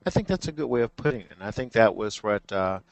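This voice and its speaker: A male talk-show guest with a somewhat low voice speaks in a thoughtful, halting way. He pauses often with fillers as he works through his ideas. The sound is dry and close. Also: animated, gravelly, no room sound. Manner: thoughtful, hesitant, many fillers. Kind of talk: casual radio talk.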